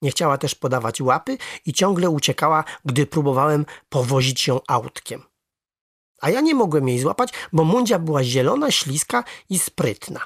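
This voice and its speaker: Lively, husky-voiced storyteller. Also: mid-range voice, normal speed, no room sound, clean studio sound. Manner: lively, expressive first-person narration. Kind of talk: children's story reading.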